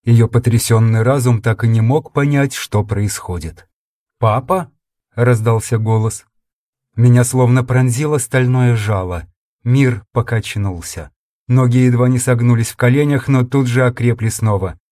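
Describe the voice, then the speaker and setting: A man's voice: medium pitch, normal speed, mellow, no echo, studio quality. A man reading a first-person sci-fi audiobook in an intense, dramatic storytelling manner. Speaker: audiobook narrator.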